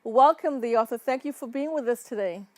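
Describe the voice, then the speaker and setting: A woman hosts an interview show and asks her guest deliberate questions. Her voice sits high. The sound is dry and close, with no room echo. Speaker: show host. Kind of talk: hosted interview.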